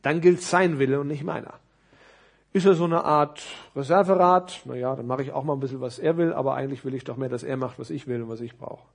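A man preaching a sermon, animated, who asks his listeners rhetorical questions. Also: medium pitch, quick pace, gravelly.

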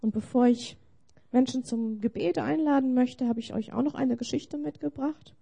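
A woman preaching a Christmas sermon, measured and plainspoken as she tells a story to the congregation. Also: high-pitched, gravelly, mellow, breathy edge.

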